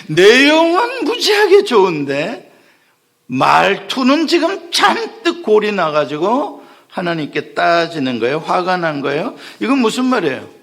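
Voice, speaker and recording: A man's voice: high voice, a bit bright. A man preaching a Sunday sermon as pastor, asking the congregation questions and acting out the lines he quotes. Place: church sanctuary.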